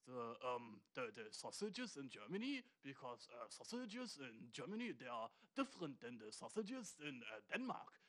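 A man's voice: mid-range voice, big pitch swings, a bit bright, pitched below the performer's own voice. A man voicing a hesitant male tourist from Denmark who fumbles through polite English with ums and uhs. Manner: halting, full of um and uh.

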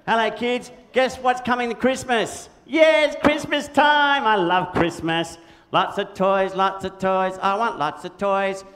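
A man voices Big Red, a cheeky, toy-obsessed children's puppet with an Australian accent, in a church puppet show. The character is bouncy, silly, easily confused, and sings, with a cheeky, confused mood. The voice is high, steady in tone, unhurried, and fairly bright.

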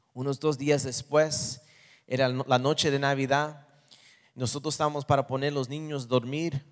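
A man's voice: mid-range voice, smooth. A man in his thirties telling a missionary testimony as a sermon, in a heartfelt storytelling way with frequent restarts. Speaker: missionary preacher. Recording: long hall reverb.

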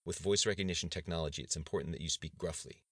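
A man's voice: low voice, quick pace, no room sound, clean studio sound. A man as a stern, clipped pastor. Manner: curt, clipped orders. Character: stern male pastor, urgent and commanding.

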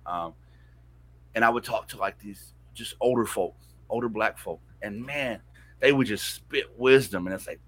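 A man telling a personal story as an interview guest, candid and profane, often restarting sentences. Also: low-pitched. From American South, mountains.

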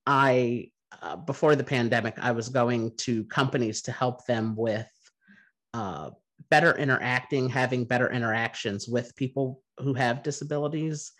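Man hosting a podcast, halting. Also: mid-range voice. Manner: relaxed, halting with many fillers. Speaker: podcast host. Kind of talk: casual interview.

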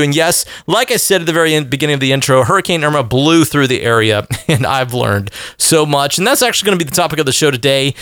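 A man's voice: medium pitch, fairly bright tone, no room sound, clean studio sound. A man, hosting a casual podcast as a pastor, chatty, informal and enthusiastic. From Southern United States.

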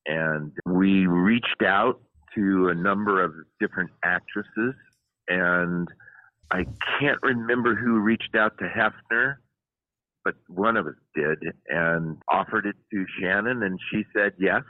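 Deep-voiced man telling stories. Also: takes it slowly, no room sound, phone-quality sound. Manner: animated anecdotes, many restarts. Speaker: film writer and producer, guest. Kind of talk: storytelling interview.

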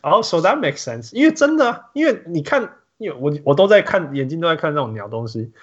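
A man hosting a casual podcast chat, switching freely between Mandarin and English in an animated way. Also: on the high side, brisk, husky, lo-fi sound. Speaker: podcast host.

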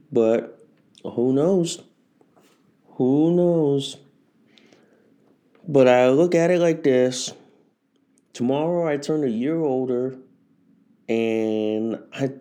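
A man's voice: mid-range voice, dark tone. A man in his forties hosting a casual solo podcast, rambling and repeating himself as he talks. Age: 40s. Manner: rambling and repetitive, often restarting phrases. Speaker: podcast host.

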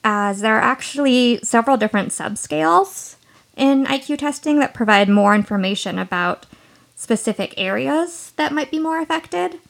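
Gravelly-voiced woman podcast co-host. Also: a little high, expressive, normal speed. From Washington state, United States. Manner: explanatory, thoughtful, hedging with fillers. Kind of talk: casual true-crime podcast chat.

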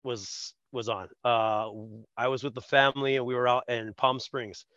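A man's voice: medium pitch, normal speed, no echo, dull audio. A man co-hosting a podcast, telling a story in casual chat and laughing often. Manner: animated, laughs often, acts out quotes. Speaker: podcast co-host.

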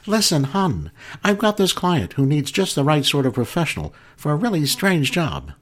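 A man putting on a gushing female agent, high and husky. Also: huge pitch swings, moderate pace. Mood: eager. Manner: flirty, gushing, calls everyone honey.

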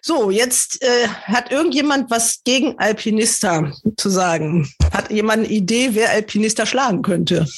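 Woman, podcast host, husky edge, mid-pitched, casual moderating. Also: normal speed, hardly any pauses.

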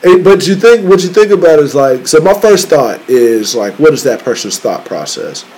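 A man's voice: fairly high pitch, normal speed, rough recording. A man chatting casually in slangy frat-bro style, peppering his talk with "bro" and "man" and repeating phrases for emphasis. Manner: repeats phrases for emphasis, heavy "you know what I'm saying". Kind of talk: casual chat among male friends. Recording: steady background noise.

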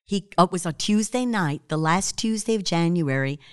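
A woman's voice: fairly low pitch, animated, normal speed, clean tone, no room sound, studio quality. A woman, telling the story of her life in an interview and laughing often.

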